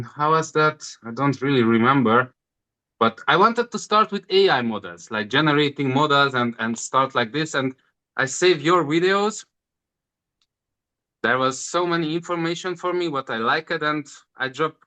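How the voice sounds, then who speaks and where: Man, 30s, bright voice, halting second-language English. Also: mid-range voice, smooth. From Hungary. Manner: halting non-native English, repeats words. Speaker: interview guest. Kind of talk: casual interview answers.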